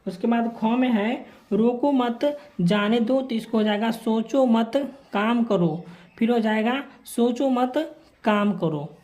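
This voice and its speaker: Slow-paced woman teacher explaining answers. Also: fairly high pitch, mellow. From Bihar, India. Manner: slow, repeats formulaic phrases while writing answers. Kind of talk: homework answer walkthrough lesson.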